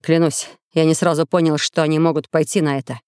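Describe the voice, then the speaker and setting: A storyteller voicing a composed, earnest captive traveller who keeps steady even under threat, recorded dry. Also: male voice, on the high side, fairly quick, smooth, dry recording, voice pushed down, lightly acted. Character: calm, self-possessed captive male traveller.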